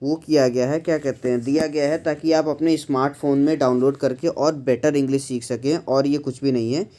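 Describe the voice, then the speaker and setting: A man teaching an English lesson, explaining step by step with frequent pauses and mixing English phrases into his speech. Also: mid-range voice, steady tone, dark tone. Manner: mixes English phrases into Hindi, slows to model sentence stress; frequent pauses with "uh" and "thik hai".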